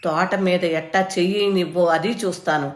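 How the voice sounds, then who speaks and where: A woman's voice: on the low side, fairly even intonation, normal speed, lightly acted. Bullying grown son, pushy and scornful, as a woman storyteller puts him on, raised and strained, in a roomy space. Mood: angry. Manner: mocking, pushy, loud. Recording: roomy echo.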